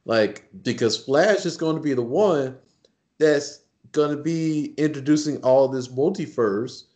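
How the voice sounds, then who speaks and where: A man's voice: fairly high pitch, a little slow, a little mellow. A man co-hosting a casual podcast chat, loose and emphatic, repeating words as he builds his point. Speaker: podcast co-host.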